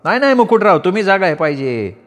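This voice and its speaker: Man doing a fierce village woman, high lively pitch, sharp-tongued, storybook, long reverb. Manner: raised, lively pitch, scolding and quick.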